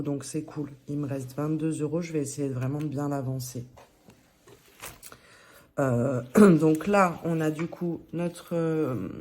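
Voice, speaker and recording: A woman's voice: sits low, warm tone. A woman vlogger talking casually to camera about her monthly budget, chatty and a little hesitant, often restarting her sentences. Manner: chatty, talks through her envelopes as she goes.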